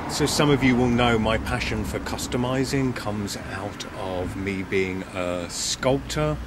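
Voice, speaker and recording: Cheeky English vlogger, thirties, unhurried delivery, clear hum of road noise behind him. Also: male voice, lowish voice. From England. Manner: chatty, enthusiastic, cheeky. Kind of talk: casual vlog to camera. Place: inside a car while driving. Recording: road noise in moving car.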